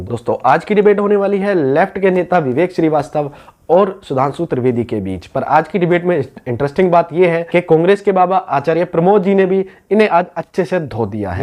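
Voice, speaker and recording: Guy doing a youtube intro for a debate vid, slightly high voice, casual and mocking. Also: darkish tone. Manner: informal, mocking, addresses viewers as friends. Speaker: YouTube channel narrator. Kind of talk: scripted video intro.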